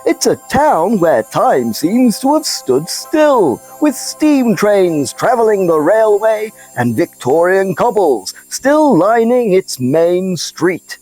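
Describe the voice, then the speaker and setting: A woman's voice: mid-range voice, sing-song, slow, hardly any pauses, mellow, slightly rough, faint music behind, low-quality recording. A woman presenting a children's show, telling scripted stories expressively in the manner of a puppet show host.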